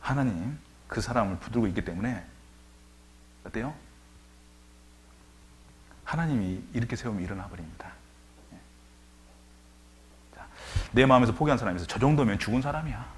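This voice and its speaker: A man's voice: on the low side, animated, moderate pace, long pauses. A man preaching a sermon as pastor, retelling scripture dramatically and asking the congregation rhetorical questions.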